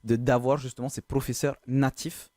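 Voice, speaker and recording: A man hosting a television interview, asking relaxed, encouraging questions with frequent hesitations. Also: mid-range voice, normal speed, no room sound, studio quality.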